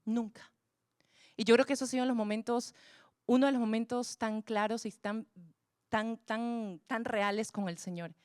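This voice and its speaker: A woman preaching a sermon with passion, repeating words for emphasis and dropping at times to a hush. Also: on the high side, fairly even intonation, normal speed, dry recording, clean studio sound. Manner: impassioned, swings between loud pleas and hushed whispers.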